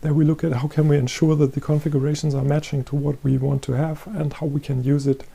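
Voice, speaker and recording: A middle-aged man giving a recorded presentation as head of a research chair, explaining calmly and repeating himself. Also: a little high, fast, creaky, breathy edge. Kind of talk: presentation lecture. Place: green-screen studio.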